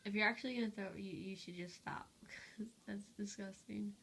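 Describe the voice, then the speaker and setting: A woman's voice: medium pitch, steady tone, brisk, vocal fry, fairly bright tone. A young woman chatting casually and teasingly as the companion in a challenge video. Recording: faint background noise.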